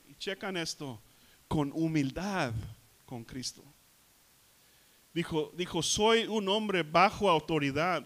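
A man's voice: fairly high pitch, fairly bright tone. A man pastor preaching a bilingual sermon in church, saying each point in Spanish and then again in English, acting out the quotes.

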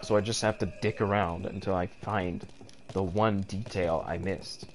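A man's voice: deep voice, steady tone, normal speed. A young man commenting on his own gameplay, frustrated, rambling and swearing as he goes. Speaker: gamer. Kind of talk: let's play commentary. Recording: audible background noise.

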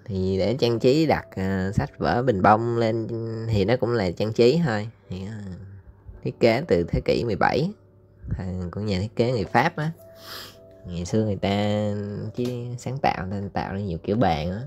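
A man with a Southern Vietnamese accent giving a casual English lesson over slides. He pauses often with fillers and draws out English words slowly so listeners can repeat them. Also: lowish voice, darkish tone, a little hiss or hum. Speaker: English teacher.

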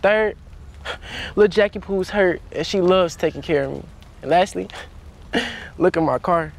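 Man as cocky boyfriend, high, boastful, chuckling. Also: measured pace, gravelly. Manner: boastful, laughing. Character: cocky boyfriend bragging about his car.

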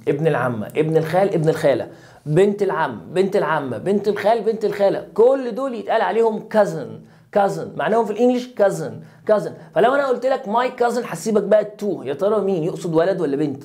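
A woman with an Egyptian Arabic accent teaching English grammar to young children. She says each English word slowly several times, then explains it briskly in Arabic. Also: fairly low pitch, darkish tone. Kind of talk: recorded grammar lesson for children.

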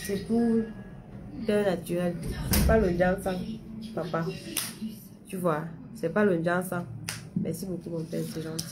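With music playing behind her, a young adult woman chats casually on a live stream, addressing her viewers directly and answering them. Her voice is lowish and steady, a little slow, with long pauses; she repeats herself and has a slight stammer she says has gotten better.

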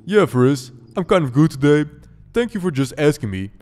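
A man's voice: fairly high pitch, lively intonation, moderate pace, darkish tone, in a large hall, close to an everyday voice. A man voicing a chatty, friendly male game buddy who rambles good-naturedly and admits he forgets things.

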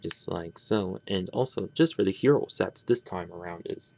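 This is a man reviewing a toy hands-on and off the cuff, seated at an indoor tabletop. His low, creaky voice has a slightly mellow quality, and he rambles in a halting way, with sentences that frequently fade out before they end.

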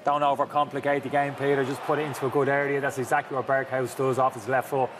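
A man's voice: medium pitch, flat delivery, fast. A middle-aged man analysing football match replays in an emphatic way as a pundit on a TV studio set, on a lapel mic. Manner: emphatic, talks over replays. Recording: TV studio with background noise.

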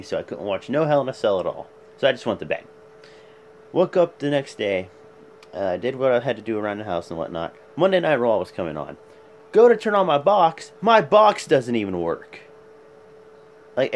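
A man in his thirties hosting a casual vlog, chatting to his phone at arm's length in a small room. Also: lowish voice. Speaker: vlog host. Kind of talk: casual chat to camera. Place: small bedroom at home. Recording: noisy phone recording in a room.

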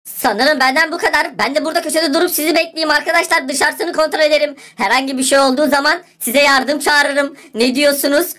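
A woman's voice: high voice, fairly even intonation, fairly quick, hardly any pauses, bright, forceful tone. A woman voicing an anxious, whiny boy who keeps protesting and wants to go home. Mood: worried.

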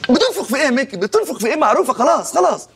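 A man with an Egyptian Arabic accent bantering as an actor on set, loud and exasperated in a comic sketch. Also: extremely high pitch, very animated, gravelly. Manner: loud, exasperated, rapid complaining.

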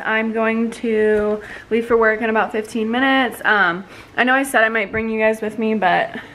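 A woman's voice: a little high, a bit bright, slight background noise, low-quality recording. A young woman vlogging in a casual, chatty way, with lots of filler words. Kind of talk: casual vlog narration.

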